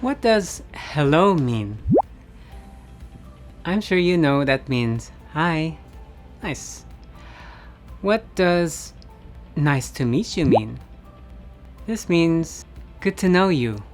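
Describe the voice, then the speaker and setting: An American man in a beginner English lesson, speaking deliberately and encouraging learners to repeat simple phrases. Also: a little high, expressive, soft background music. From United States. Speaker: English teacher. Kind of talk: slow, clear beginner language lesson.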